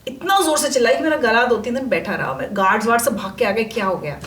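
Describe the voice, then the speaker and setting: A middle-aged woman, an interview guest, telling her stories with animated emphasis in a conversational interview. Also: fairly high pitch, quick pace, echoey room. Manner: animated, emphatic storytelling, acts out quoted voices. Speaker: interview guest, media personality.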